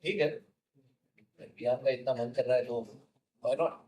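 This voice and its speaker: An actor playing a calm, decisive family patriarch in a TV serial, speaking in a measured way. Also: male voice, mid-range voice, close to an everyday voice, low-quality recording. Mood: agreeable. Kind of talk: TV serial drama scene.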